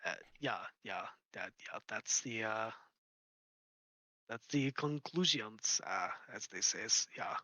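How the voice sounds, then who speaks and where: A breathless Viking warrior stumbles through a phone call, played by a man. His voice is bright and sharp, his words halting, ungrammatical and slow. He is still catching his breath between lines. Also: on the low side, lively intonation, dry recording, heavily acted. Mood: resigned. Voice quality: broken, ungrammatical phrasing. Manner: hesitant, full of uhs. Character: winded Viking warrior bandmate, clumsy grammar. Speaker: caller on the phone.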